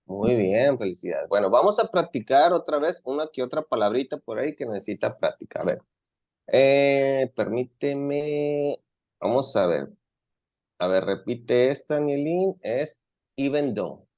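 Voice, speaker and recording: A man's voice: medium pitch, animated, unhurried, a little mellow. A man with a Mexican accent teaching an English class to students in Spanish, earnest and encouraging, often repeating himself.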